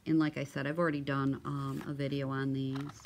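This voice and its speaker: A woman's voice: rumbling low, little pitch movement, brisk, darkish tone, a little hiss or hum. A woman showing off craft supplies in a casual vlog, chatty and gushing, with many ums and restarts. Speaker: crafting vlogger. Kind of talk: casual show-and-tell vlog.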